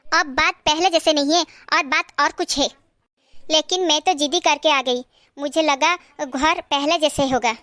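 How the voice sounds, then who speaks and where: A woman's voice: sits high, steady tone, measured pace, sharp tone, no echo. A woman acting in a short comedy skit, talking in an earnest, emotional, pleading way. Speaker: comedy sketch creator.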